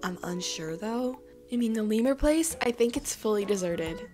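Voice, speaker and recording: A woman's voice: medium pitch, lively intonation, normal speed, over music. Sick-sounding chatty woman gamer. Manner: chatty, upbeat, rambling with fillers. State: sick, hoarse voice. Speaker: game video creator. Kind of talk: casual gameplay commentary.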